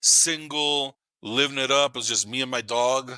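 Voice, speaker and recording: A Panamanian man in his 50s chats casually as a podcast guest, telling stories bluntly with slang, swearing, and repeated words for emphasis. His medium-pitched voice is pushed and bright at a moderate pace. The tone is clean, with no echo.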